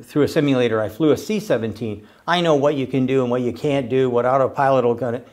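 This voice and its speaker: A man's voice: medium pitch, fast talker, a little mellow. An older man hosting a casual interview, talking in an enthusiastic, rambling way and stumbling over repeated words. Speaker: host.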